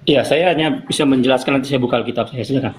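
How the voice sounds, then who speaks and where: Man, calm caller, measured, middle-pitched voice. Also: noisy background. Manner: measured, asks to finish speaking. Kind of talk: calm explanation in live debate.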